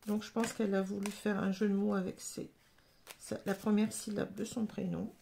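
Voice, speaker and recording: A woman giving a casual tarot reading, talking in halting phrases with many fillers and restarts. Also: medium pitch, level tone, gravelly, dark tone, slight background noise. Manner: halting, full of "hein" and "vous voyez", restarts. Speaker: tarot reader.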